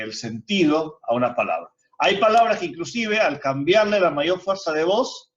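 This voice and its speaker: A man's voice: fairly high pitch, fairly bright tone. A male teacher giving a grammar lesson in an online class, explaining step by step and asking the students rhetorical questions. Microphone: video call. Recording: muffled video call audio.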